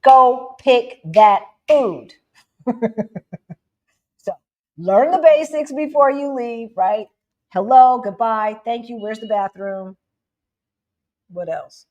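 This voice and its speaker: An American woman co-hosts a livestream, chatting casually and energetically, laughing a lot and calling her viewers "y'all". Her voice is on the high side. She takes it slowly, pausing often.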